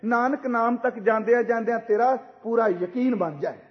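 A man giving a Sikh sermon, slowly chanting scripture verses and breaking into emphatic exhortations to the congregation. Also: very high voice. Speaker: Sikh preacher. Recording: dull lo-fi sound with long hall reverb.

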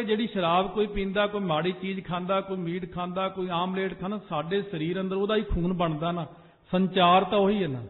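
A man preaching a Sikh sermon to a congregation, telling stories and sometimes chanting phrases. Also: high voice. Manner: storytelling, exhorting the congregation. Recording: phone-like echoey hall recording.

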